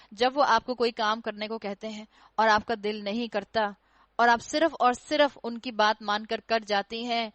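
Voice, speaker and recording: A woman's voice: a little high, fairly bright tone, no room sound. A woman giving an earnest religious lecture to girls in Pakistani Urdu, admonishing and acting out children's retorts. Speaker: Quran teacher.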